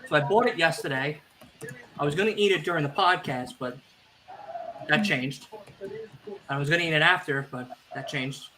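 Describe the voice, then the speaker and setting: A man's voice: fairly high pitch, normal speed, long pauses. A man co-hosting a podcast, rambling casually with lots of fillers and restarts, self-deprecating. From Italian family background. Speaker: podcast co-host. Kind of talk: casual chat. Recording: streamed podcast with faint background noise.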